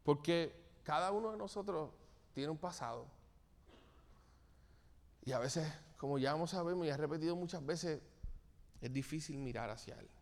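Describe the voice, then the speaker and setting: A man's voice: on the high side, moderate pace, vocal fry, pauses often, in a large hall. A man from Cuba preaching a sermon to a church congregation, speaking earnestly and turning often to address his listeners directly. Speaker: pastor.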